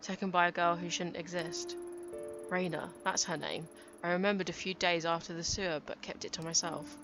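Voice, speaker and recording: A woman voicing a grieving young woman police detective, reading her inner monologue aloud in a low, halting way over game music. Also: fairly even intonation, natural voice. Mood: somber.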